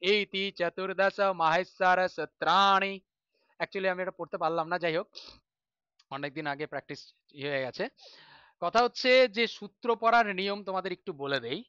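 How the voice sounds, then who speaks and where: A male teacher giving a grammar class, patient and reassuring, slowly chanting lists of syllables aloud. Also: high voice, bright, forceful tone, smooth, no room sound, lo-fi sound.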